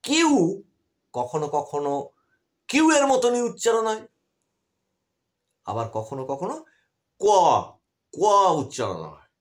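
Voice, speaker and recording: Lively-voiced man teaching English letters. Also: on the high side, unhurried, pauses often. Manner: explains patiently with many restarts and questions to students. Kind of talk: explanatory online lesson.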